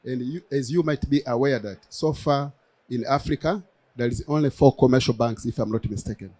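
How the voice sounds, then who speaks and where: Halting man with a Tanzanian accent. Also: medium pitch, mellow, dry recording. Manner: halting, with frequent pauses and hesitations. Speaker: bank representative and panelist. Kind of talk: formal panel presentation.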